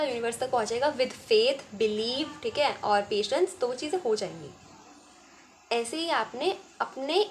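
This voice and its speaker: High-voiced chatty woman giving advice. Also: slight background noise. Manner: chatty, keeps adding "ठीक है?". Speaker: spiritual self-help vlogger. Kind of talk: casual advice talk to camera.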